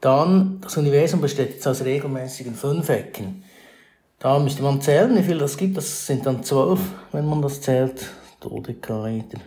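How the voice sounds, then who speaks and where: A man explains geometry in a screencast lesson. His voice is mellow and relaxed, and he talks it through with fillers and self-corrections. The recording carries a noticeable room echo. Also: mid-range voice, moderate pace. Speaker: math teacher.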